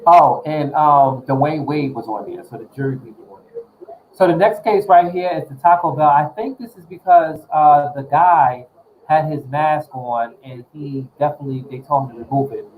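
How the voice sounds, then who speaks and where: A man's voice: a little high, normal speed, narrow, tinny audio, a little hiss or hum. A man hosts a casual livestream, rambling through his recap. He leans on filler words and restarts, and talks with his mouth full. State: talking while eating. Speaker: livestream host.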